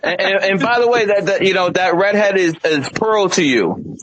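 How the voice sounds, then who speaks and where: A man's voice: high voice, moderate pace, fairly bright tone, muffled recording. A man bantering casually in a group chat as a co-host, hectoring and repeating his words. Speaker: co-host of a live audio chat room.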